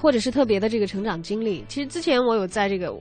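A woman hosting a radio show, chatting casually and reflectively with a co-host, often ending phrases on soft particles. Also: mid-range voice, lively intonation, rapid-fire, faint music behind. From China, outside Beijing. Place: radio studio.

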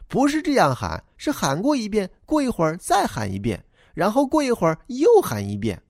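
A man's voice: high voice, wildly swooping pitch, a little fast, darkish tone, dry recording, studio quality, voice pushed up, heavily acted. A man voicing a talkative young schoolboy in a storybook reading, eager and rambling. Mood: earnest.

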